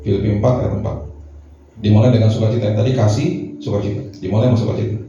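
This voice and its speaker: A middle-aged man, a pastor, preaching a lively sermon full of slangy asides and rhetorical questions. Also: on the low side, racing, noisy background. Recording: echoey hall from a distant mic, dull sound, music behind.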